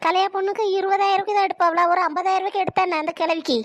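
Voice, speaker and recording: A bossy old grandmother, played by a woman, always finding fault and nagging her family. Her voice sits high and the words tumble out fast as she scolds everyone. It plays like a homemade family skit. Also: steady tone, no room sound. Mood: indignant. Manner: scolding, rapid-fire complaining. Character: sharp-tongued domineering old grandmother. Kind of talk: family comedy skit acting.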